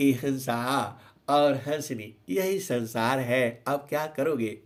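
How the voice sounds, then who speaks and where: Slow-speaking man preaching a spiritual sermon. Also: mid-range voice. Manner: storytelling, slow drawn-out chanting of couplets; frequent filler "जो है". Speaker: satsang preacher. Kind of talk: devotional sermon with sung verses.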